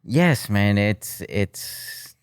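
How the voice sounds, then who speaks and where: Appearing as a podcast guest, a Peruvian man in his thirties who owns a bartending business chats casually in a studio with flags on the wall. His deep voice is smooth and clean, recorded close and dry, and he rambles easily, drawing out words, often asking "you know?" and "right?" and sometimes switching into Spanish.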